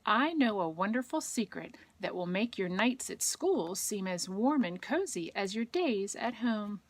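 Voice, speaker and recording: A woman voicing a tender mother raccoon in a storybook read to a toddler, gently soothing and reassuring. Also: mid-range voice, lively intonation, a little slow.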